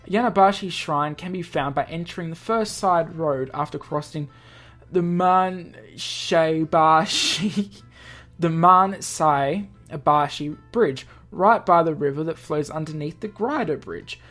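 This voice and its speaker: Deep and a bit bright, this gaming host's voice takes its time as she reads lines from a visual novel and keeps interrupting with friendly commentary. The game's music sits underneath her throughout the relaxed playthrough.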